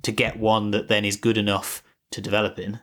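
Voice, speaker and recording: A man's voice: lowish voice, completely flat delivery, a little fast, a bit bright. A man co-hosting a podcast, talking casually and rambling with many restarts and fillers. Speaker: podcast co-host. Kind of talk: casual tech chat.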